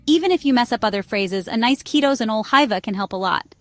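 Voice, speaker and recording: A woman giving a scripted travel phrase lesson in an upbeat tone, repeating words slowly so listeners can practice. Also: fairly high pitch, expressive. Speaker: language tutor. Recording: dry close mic with faint music.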